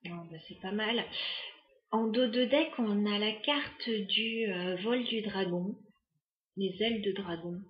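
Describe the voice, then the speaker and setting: A woman talks her viewers through a tarot spread in a loose, hesitant way, musing and pausing often between thoughts. Her voice echoes around the room, and the recording sounds slightly muffled. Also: medium pitch. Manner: hesitant, musing, many fillers. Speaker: tarot card reader. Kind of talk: casual tarot reading to camera.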